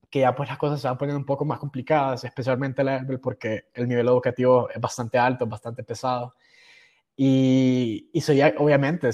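A man's voice: medium pitch, darkish tone. A young man from Honduras with a Honduran accent, casually telling stories about his school years in a slangy, self-mocking way, dropping English words in. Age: young adult. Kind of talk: casual storytelling.

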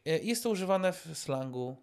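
A man co-hosting a podcast, talking in relaxed improvised chat with many fillers and restarts. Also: on the high side, moderate pace, smooth. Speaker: podcast co-host.

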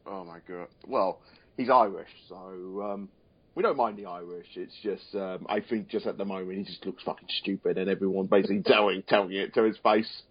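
Guy with a lowish voice chatting on a podcast, rambles and repeats himself, kinda dull lo-fi audio. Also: fairly quick, slightly rough. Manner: rambling, repeats phrases for emphasis. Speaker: podcast co-host. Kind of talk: casual chat about wrestling.

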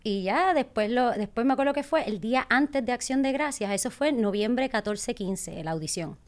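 A woman's voice: on the high side, moderate pace. A woman in her thirties from Puerto Rico with a Puerto Rican accent, a guest telling a story in casual chat and acting out what people said. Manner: animated, laughs often, acts out quotes.

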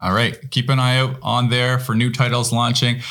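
A man hosting a casual podcast interview, friendly and encouraging with quick affirmations. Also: medium pitch, little pitch movement, vocal fry, fairly bright tone. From Canada. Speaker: podcast host.

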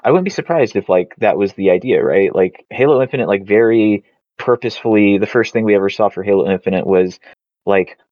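A man's voice: deep voice, a little mellow, no echo. A man chatting casually about video games over a video call, rambling with lots of filler words. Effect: heard over a video call. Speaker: podcast co-host. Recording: dull, lo-fi call audio.

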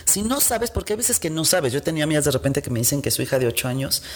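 Husky Mexican woman explaining earnestly. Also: low-pitched, sing-song, racing. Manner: earnest, explanatory, acts out quotes. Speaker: guest, head of a child welfare organization. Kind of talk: conversational interview.

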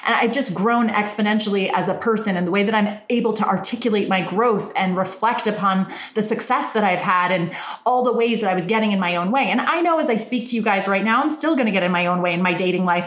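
Valley Girl woman, coach monologue, emphatic and chatty, roomy echo. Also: medium pitch. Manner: chatty and emphatic, repeats words for stress. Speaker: relationship and business coach. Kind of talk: motivational monologue.

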